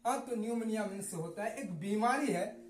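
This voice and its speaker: A woman's voice: mid-range voice, fairly quick, roomy sound, slight background noise, poor audio. A woman teaching English pronunciation rules, repeatedly asking a question and answering it herself. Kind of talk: classroom-style lesson.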